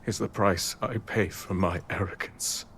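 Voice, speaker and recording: King Rauru, slow solemn low-voiced king. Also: steady tone, fairly bright tone, a little hiss or hum. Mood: sorrowful, grave. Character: solemn, regal, remorseful warrior king. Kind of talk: video game cutscene acting.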